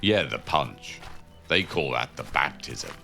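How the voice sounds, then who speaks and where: A male actor plays a seasoned convict with an extremely low, gravelly voice. He is a worldly, cynical prison inmate in an audio drama, speaking matter-of-factly with a forceful edge over background music. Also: big pitch swings, slow, exaggerated voice. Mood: matter-of-fact, wry. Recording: music under the voice.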